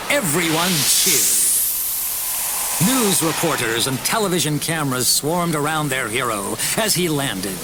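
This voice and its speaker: Expressive man reading a storybook. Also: mid-range voice, background noise. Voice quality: expressive, varied delivery. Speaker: audiobook narrator. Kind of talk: storybook narration.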